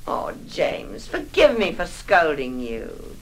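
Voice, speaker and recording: A woman's voice: low voice, wildly swooping pitch, slow pace, heavily acted, low-quality recording. An anxious, rambling mother. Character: nervous, fragile middle-aged mother. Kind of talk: 1960s film acting.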